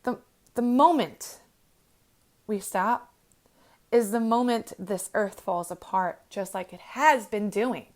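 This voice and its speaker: Young woman host, earnest, gentle, emotional motivational monologue with ums and restarts, close to tears. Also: medium pitch, slow, pauses often.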